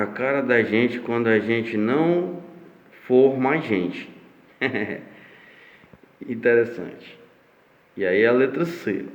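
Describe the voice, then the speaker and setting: A Brazilian male teacher gives a recorded lesson at an unhurried pace, reading entries aloud and explaining each one. His voice sits at an average pitch. The room sounds echoey, with a long tail, and the audio is dull and lo-fi. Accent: Brazilian Portuguese. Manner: slow, explanatory, reads entries aloud with frequent "né?". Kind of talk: online class lesson.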